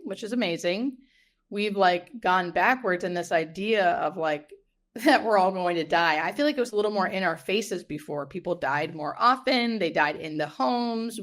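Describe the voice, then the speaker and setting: A woman speaking as a hospice nurse in a conversational podcast interview, earnest and emphatic, repeating key phrases for weight. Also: medium pitch.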